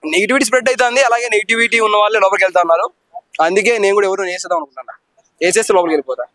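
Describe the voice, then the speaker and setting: A man giving a rambling, animated street opinion on a reality show. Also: sits high, dry recording. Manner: rambling, talks fast, jumps between topics. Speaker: street interviewee.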